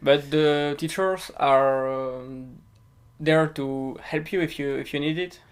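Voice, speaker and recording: A young man, a native French speaker with a French accent, hosting a casual interview and pausing to find his English words. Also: on the high side, steady tone, clear, resonant tone. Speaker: podcast interviewer.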